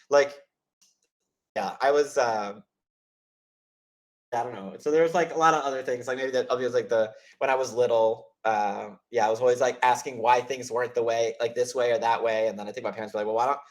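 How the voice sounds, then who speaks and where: A man of middle pitch hosts an informal chat and tells long stories. He rambles, restarts his sentences and leans on "like". When he quotes people he jumps up in pitch to act out their voices. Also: brisk. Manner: rambling, heavy use of "like" and restarts. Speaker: host of office hours. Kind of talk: casual storytelling chat.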